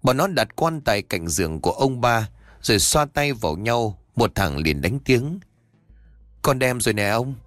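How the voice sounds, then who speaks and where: A man narrating a Vietnamese horror story in a steady, expressive storytelling voice. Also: medium pitch, normal speed, dry recording. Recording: faint background music.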